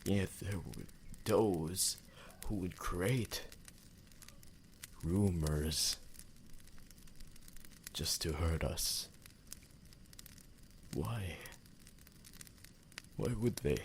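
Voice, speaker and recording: Brooding and protective, a man performs as a refined, possessive, centuries-old vampire lover for an intimate ASMR roleplay. His deep voice is exaggerated, his lines formal and theatrical with pauses, and there's slight background noise.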